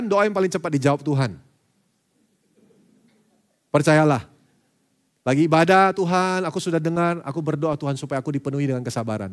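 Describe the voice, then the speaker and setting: A middle-aged man, a church elder, preaching a sermon in a conversational storytelling way and acting out the dialogue. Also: fairly high pitch.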